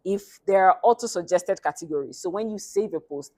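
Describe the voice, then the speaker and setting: A woman giving an academic thesis presentation in a hesitant, halting way, often restarting her phrases. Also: lowish voice, warm tone, no echo. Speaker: student presenting research at a thesis defense. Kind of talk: academic presentation, semi-scripted.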